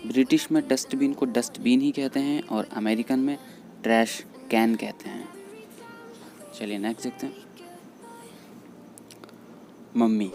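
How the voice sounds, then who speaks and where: A man explaining English vocabulary in Hindi, patiently repeating each word slowly. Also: mid-range voice, creaky. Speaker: English teacher. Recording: faint background music under voice. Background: faint background music.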